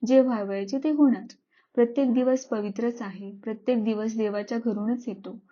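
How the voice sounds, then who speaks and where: A proud, fearless village landlord from an old storybook, voiced by a woman reading the tale. He talks bluntly and waves off warnings, in a higher voice than most men. The recording sounds dull and lo-fi. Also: steady tone, normal speed, dark tone, close to an everyday voice. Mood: defiant.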